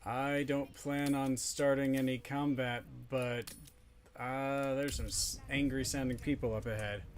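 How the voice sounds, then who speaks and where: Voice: medium pitch, steady tone, a little slow. A player doing in-character video game commentary, playfully talking back to the characters.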